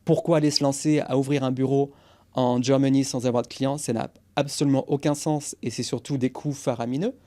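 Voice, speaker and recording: A man's voice: medium pitch, fairly even intonation, a little fast, warm tone. A man in his forties, a guest on a podcast interview, explaining go-to-market strategy with energy and English business jargon.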